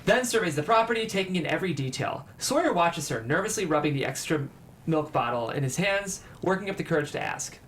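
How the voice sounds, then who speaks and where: This narrator at a screenplay table read reads out the scene headings and stage directions as scripted narration. Expressive and a little quick, the mid-range voice comes with slight background noise.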